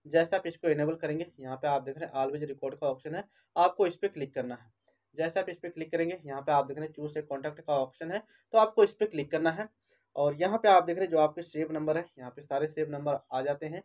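Talking at a brisk clip, this YouTube host explains a phone process step by step in a darkish voice pitched on the high side. He speaks to viewers as friends and repeats his directions, typical of a tech tutorial creator.

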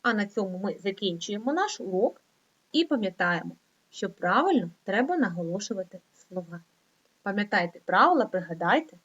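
A middle-aged woman teaching an online lesson to young children, reading slowly and in a sing-song way. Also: very animated, a bit bright, slightly rough. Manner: slow, sing-song reading with rising pitch. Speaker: primary school teacher. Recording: dull lo-fi recording.

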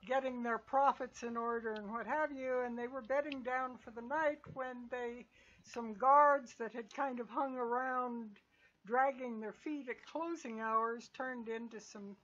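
An older woman runs a streamed tabletop game. Her voice sits fairly high, and she tells the story in a folksy way. The sound is a little muffled and lo-fi, as on an online call. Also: a bit bright. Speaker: game master and host. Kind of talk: livestream host recapping a tabletop game.

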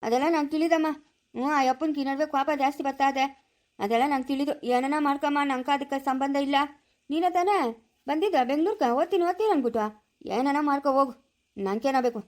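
Sharp-tongued Kannada village woman. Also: sits high, quick pace. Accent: Chikkaballapur Kannada. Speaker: actor in a village family drama. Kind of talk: dramatized village skit.

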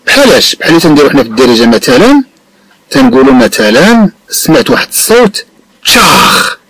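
A Moroccan man teaching a French lesson. He explains in Arabic, saying French phrases slowly and deliberately and the Arabic explanations quickly. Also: medium pitch, very animated, a bit bright, breathy edge, no room sound, rough recording.

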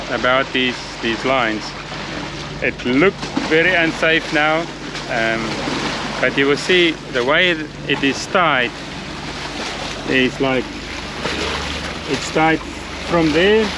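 Slow-talking man on a windy catamaran. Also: medium pitch. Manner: unhurried, explaining with restarts and chuckles. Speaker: solo sailor vlogger. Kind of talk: casual vlog. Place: on the deck and in the cabin of a sailing catamaran at sea. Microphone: camera held at arm's length. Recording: loud wind and boat noise. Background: wind, water and engine noise.

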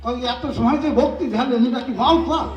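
A lo-fi, roomy recording catches a very high-pitched man with a Bengali accent telling a devotional folk story quickly on stage, far from the mic with soft background music. As a kobi gaan performer, he mixes song and acted dialogue, animatedly voicing each character.

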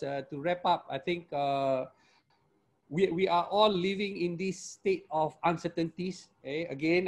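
An older man speaks in an academic panel over an earphone mic on a video call. His voice sits a little high for a man. He talks haltingly, filling gaps and tagging his points with quick questions. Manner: hesitant, many fillers and tag questions. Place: home room with virtual background.

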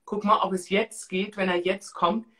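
A woman in her forties hosting a casual live stream, chatting in an expressive, exclamatory way. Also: mid-range voice, moderate pace. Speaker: host of a live-stream talk show. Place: small tiled room indoors.

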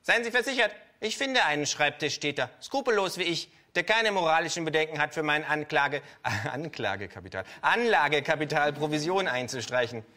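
Man doing a shrill, sneering kangaroo. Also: lively intonation, a little fast, hardly any pauses, sharp tone. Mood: scornful. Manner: brash, sneering, shrill outbursts. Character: cynical ruthless kangaroo investor, male. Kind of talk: comic story reading on stage.

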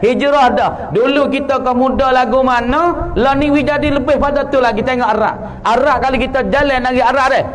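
High-voiced preacher with Patani Malay accent. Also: male voice, slight background noise, low-quality recording. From southern Thailand. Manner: storytelling, acts out quoted voices, teasing. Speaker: religious teacher. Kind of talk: mosque sermon. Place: mosque.

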